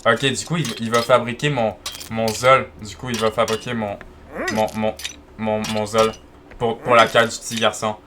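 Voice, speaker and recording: A man's voice: fairly low pitch, little pitch movement, moderate pace. A man giving casual gameplay commentary, chatty and full of restarts, talking straight to his viewers. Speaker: gaming video creator. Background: game music.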